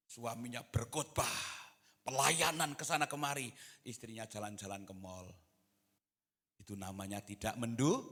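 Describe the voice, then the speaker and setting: A man preaching a sermon in church, moving between quiet talk and loud, impassioned exhortation. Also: medium pitch. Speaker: pastor. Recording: reverberant church hall.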